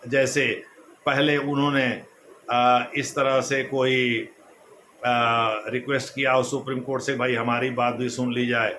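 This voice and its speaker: A man's voice: mid-range voice, level tone, pushed and bright, a little hiss or hum. A man giving a classroom lecture as an exam coach, explaining each point again in other words. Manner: explanatory, repeats points in other words, slow emphatic quotes. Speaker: civil services exam coach.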